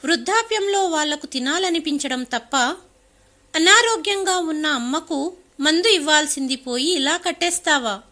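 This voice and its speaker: A woman voicing an angry young married woman who confronts her family, indignant and sharp. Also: high voice, lively intonation, moderate pace.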